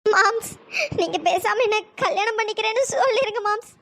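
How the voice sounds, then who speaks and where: A timid young cartoon woman, voiced by an actor, fearful and pleading. Her pitch-raised voice is extremely high and bright. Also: fairly quick, full character voice. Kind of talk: cartoon drama dialogue.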